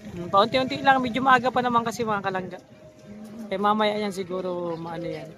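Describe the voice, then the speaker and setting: A man's voice: sits high, steady tone, a little fast. A man vlogging outdoors by the seaside, teasing and coaxing a child with playful questions. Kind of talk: casual vlog narration.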